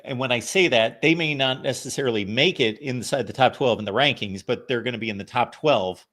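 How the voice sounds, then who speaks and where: A man's voice: medium pitch, fairly quick, fairly bright tone. A man hosting a sports call-in show, giving conversational analysis in a matter-of-fact way, explaining step by step. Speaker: host of a college football call-in show.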